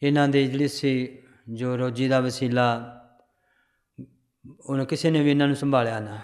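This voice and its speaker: A man teaching a religious class, calmly explaining scripture and its history. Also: mid-range voice. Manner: recites verses slowly in a chanting tune, then explains calmly.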